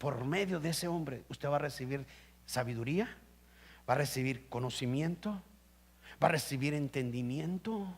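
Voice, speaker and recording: A man preaching a sermon as pastor, swinging between loud emphatic bursts and low quiet stretches, asking the congregation questions. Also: normal speed, husky. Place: church. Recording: live stream.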